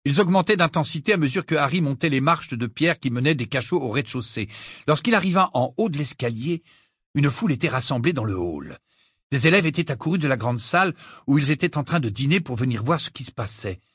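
A man narrating an audiobook with expressive storytelling. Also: mid-range voice, fairly quick, husky, no room sound, studio quality. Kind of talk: scripted narration.

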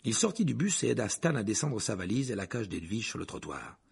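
Husky, gravelly male audiobook narrator. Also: fairly low pitch, big pitch swings, brisk. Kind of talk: storybook narration.

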